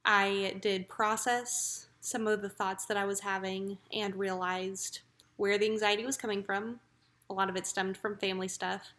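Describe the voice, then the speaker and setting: A woman speaks casually, as if updating viewers on a personal vlog. Her pitch sits in a middle range and stays fairly flat. She sounds matter-of-fact and reflective as she talks. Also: normal speed. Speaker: vlogger.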